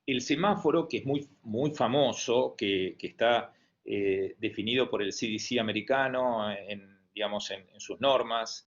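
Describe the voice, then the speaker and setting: A man's voice: mid-range voice, measured pace. A man with an Argentine Spanish accent giving an online medical lecture, hesitant, with many fillers and restarts. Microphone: video call. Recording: dull lo-fi online call audio.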